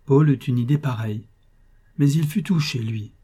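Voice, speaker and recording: A man narrates a novel in a measured, expressive storytelling manner. His voice is very dark and husky, at an ordinary middle pitch. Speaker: audiobook narrator. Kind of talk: scripted narration.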